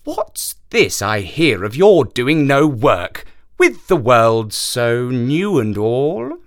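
Man doing a stern, deliberate desert djinn. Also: mid-range voice, very animated, no room sound, studio quality. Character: stern magical male desert djinn, patient.

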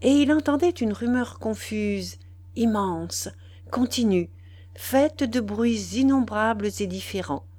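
A woman reading a novel aloud as scripted narration, measured and expressive. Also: on the high side, dry recording. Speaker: audiobook reader.

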